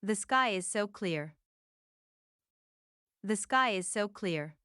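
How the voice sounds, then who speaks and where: A woman with a smooth, clear, mid-pitched voice reads short English practice phrases slowly aloud, repeating each several times in an even, deliberate way. The recording is dry and close, with no room sound at all.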